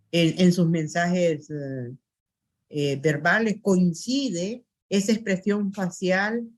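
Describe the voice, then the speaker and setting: A woman lecturing an online university class, going through items one by one in a methodical way with frequent hesitation fillers, on a computer mic over a video call. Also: lowish voice.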